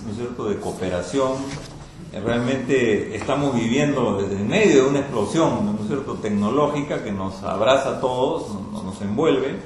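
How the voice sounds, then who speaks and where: At a public panel in an institute event hall, a man with a medium-pitched, darkish voice comments on a book, speaking hesitantly, repeating words and tacking on rhetorical tag questions. The lecture room is very echoey, with faint noise.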